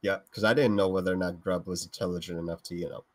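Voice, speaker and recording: A man's voice: deep voice, steady tone, fast talker. A man talking casually and profanely as a player in a tabletop role-playing game.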